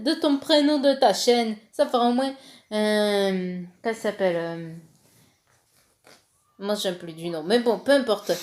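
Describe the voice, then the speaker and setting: A woman's voice: high voice, a little mellow. A woman hosting her own vlog, rambling and teasing her boyfriend in casual chat. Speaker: channel host.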